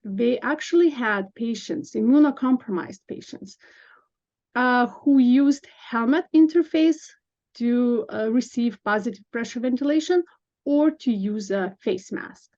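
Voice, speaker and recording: A woman's voice: a little high, a little slow, a little mellow, lo-fi sound. A woman in her forties from Lithuania, a nurse practitioner guest speaking earnestly in a podcast interview, with fillers and small laughs.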